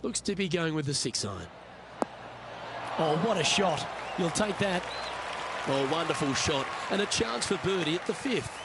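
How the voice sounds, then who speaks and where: A man calling golf shots play-by-play for a game, upbeat with quick reactions. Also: a little high, lively intonation, over a noisy crowd, very noisy. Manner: upbeat, quick shot calls. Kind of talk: recorded game commentary.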